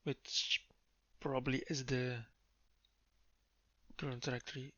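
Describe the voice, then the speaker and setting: A man's voice: mid-range voice, level tone, takes it slowly, bright, forceful tone, no room sound. A man thinking aloud in a casual way as he codes live, muttering to himself with fillers and restarts. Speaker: live coding streamer. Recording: dull lo-fi mic with keyboard typing.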